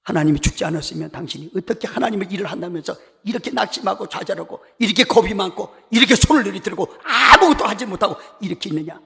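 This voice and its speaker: A man's voice: high voice, animated, fast talker, creaky, few pauses, bright, forceful tone, exaggerated voice. A man voicing a reproachful wife in mourning clothes who chides her despairing husband. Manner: reproachful, lamenting. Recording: reverberant church hall.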